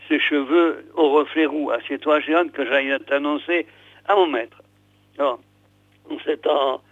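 On a tinny, phone-like radio broadcast with no room sound, an older male host with a medium pitch reads from a book. He hesitates frequently, filling the gaps with "euh" and "alors."

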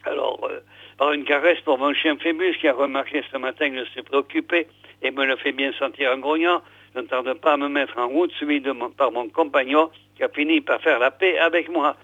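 Older male radio host, halting reader, tinny phone-like sound, dry. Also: medium pitch, fairly bright tone, no echo. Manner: hesitant, full of "alors" and "euh". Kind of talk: presenting and reading a book aloud on radio.

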